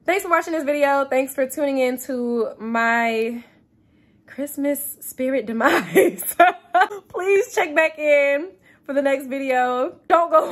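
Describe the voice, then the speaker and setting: A woman reviewing a movie on her channel, exasperated, swearing often and breaking into laughter. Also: high-pitched.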